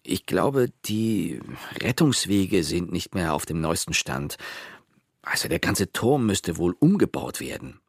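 A man's voice: low voice, very animated, measured pace, slightly rough, no room sound, clean studio sound, full character voice. A man voicing an eager, self-assured young boy who leads a group of children. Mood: thoughtful. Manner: eager, cheerful, sure of himself.

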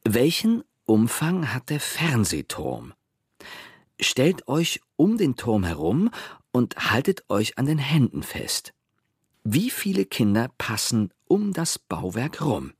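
A man's voice: mid-range voice, wildly swooping pitch, slow pace, breathy edge, no room sound, studio quality, voice pushed up, heavily acted. A man voicing an eager, self-assured young boy who leads a group of children. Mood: reading aloud. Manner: eager, cheerful, sure of himself.

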